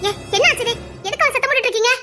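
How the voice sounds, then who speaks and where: Female voice actor as a meek young wife, squeaky-high and bright, hesitant, serial-drama style. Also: rapid-fire, faint music behind. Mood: pleading. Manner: soft, hesitant.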